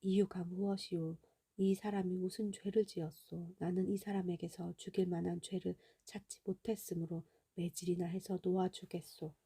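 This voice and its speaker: A woman reading the lines of a stern male Roman governor in her own soft, hushed, formal voice. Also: fairly low pitch, level tone, normal speed, breathy edge. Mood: weary.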